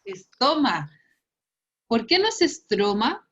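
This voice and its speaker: A woman's voice: on the high side, animated, slow pace, fairly bright tone, highs cut off. A Chilean woman teaching a science class online, reviewing a quiz with a playful, teasing manner and frequent laughter. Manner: teasing, laughs often, explains patiently.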